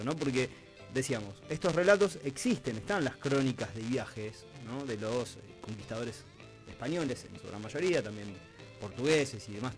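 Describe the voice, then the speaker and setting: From a radio studio, a mid-range-voiced Argentine host interviews his guests, reflecting conversationally and frequently splitting long questions into pieces as he goes. Faint background music runs under him, and the recording is rough.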